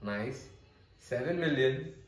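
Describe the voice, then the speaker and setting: A man's voice: medium pitch, lively intonation, slow. A young man with an Indian accent talks casually and swears freely while reading out card stats. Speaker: vlogger. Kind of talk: casual card-opening commentary. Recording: echoey room.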